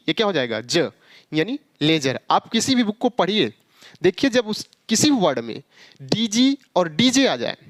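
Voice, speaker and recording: A man with a Hindi accent and a fairly high voice teaches English pronunciation in an unhurried way. He spells words letter by letter, stretches sounds out when he shows them, and keeps asking the learner what the word becomes. The recording is dry and close, with no room sound. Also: no echo. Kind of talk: classroom lesson on English pronunciation.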